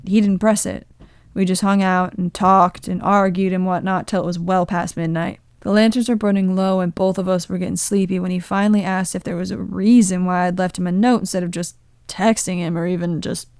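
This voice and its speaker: A woman voicing a young man in his twenties, sheepishly and tenderly recounting a memory in halting confessional storytelling. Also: on the low side, little pitch movement, darkish tone, smooth, no room sound, studio quality, natural voice. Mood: wistful.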